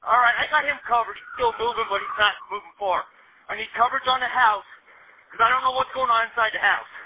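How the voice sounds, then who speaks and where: A man's voice: very high voice, a little fast, husky. A man police officer heard over a two-way police radio, giving terse, urgent calls and repeating them. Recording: tinny narrow-band radio transmission.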